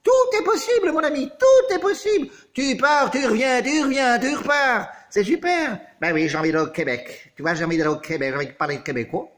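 A man performing a touchy, theatrical character who swoops from shrill squeals down to grumbling mutters, all in a high, lively voice. His tone is bright and sharp, and his melodramatic talk never settles for long. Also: brisk, hardly any pauses, exaggerated voice. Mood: emotional. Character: theatrical, touchy man fussing over a returning friend. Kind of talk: comedy monologue.

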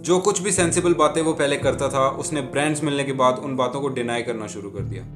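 A man narrating a scripted commentary in a measured, critical way, slipping English phrases into his speech. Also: mid-range voice. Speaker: commentary channel host. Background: background music.

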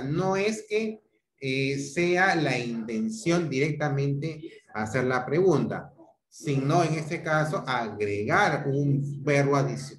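A man with a Peruvian Spanish accent teaching a grammar class over a video call, explaining step by step and checking in with his students often. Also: mid-range voice. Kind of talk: online grammar lecture. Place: home room on a video call. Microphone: computer mic on a video call. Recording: echoey room.

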